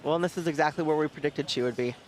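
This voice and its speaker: A man co-commentating a live strength event with quick encouraging interjections. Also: on the high side, a little hiss or hum, rough recording. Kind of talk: live sports analysis.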